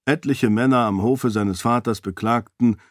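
Male narrator, measured audiobook read, mid pitch, dry close sound. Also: no room sound. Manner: measured, even storytelling.

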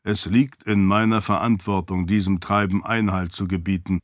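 A man's voice: sits low, steady tone, moderate pace, no room sound, clean studio sound, lightly acted. A man voicing a dutiful floating light-spirit servant in an audiobook, stiff, formal and deferential. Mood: firm. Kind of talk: audiobook character voice.

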